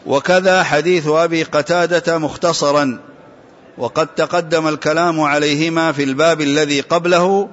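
Male student reader, formal steady recitation, dull lo-fi recording. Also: a little high. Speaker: student reading aloud to a teacher. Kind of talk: reciting a classical text. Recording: dull lo-fi sound.

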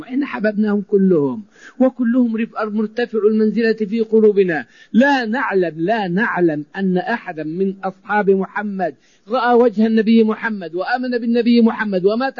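A male preacher delivers a sermon in a high voice. He drives his points home by repeating phrases. The recording is dry and dull, lo-fi in quality. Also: no echo. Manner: emphatic, repeating phrases for stress.

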